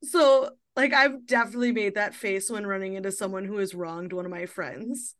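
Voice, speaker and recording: A woman's voice: medium pitch, steady tone, normal speed, a bit bright. A woman in her thirties hosting a podcast, chatting casually and laughing often, with lots of fillers. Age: 30s. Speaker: podcast host.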